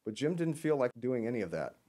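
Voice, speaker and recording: A man reading a children's picture book aloud as an expressive storyteller. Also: medium pitch, quick pace. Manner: expressive, acts out dialogue. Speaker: storyteller dressed as Santa.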